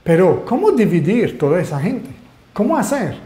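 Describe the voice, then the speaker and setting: This webinar comes from an online marketing mentor whose native language is French and who has a French Canadian accent. His voice sits high and keeps a moderate pace as he presents with animation and quizzes his audience, all in a reverberant space.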